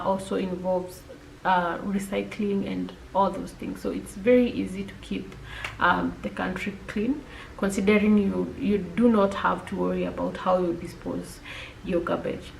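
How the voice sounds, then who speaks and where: Woman with a Kenyan accent, chatty vlogger with a gravelly voice, mid-range pitch. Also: slight background noise, rough recording. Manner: chatty, with frequent filler pauses. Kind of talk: casual talk to camera.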